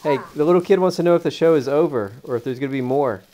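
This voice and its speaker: A man, the father of a child putting on a puppet show, talks with the kids in a casual, playful and encouraging manner, nudging them along with questions. He has a fairly high pitch, a dark tone and a quick pace. The audio sounds like amateur home video.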